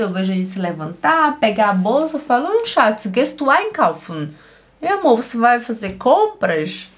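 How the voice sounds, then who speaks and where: Woman, language teacher, unhurried, patient, repeats every phrase, middle pitch. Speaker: German teacher. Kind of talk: language lesson.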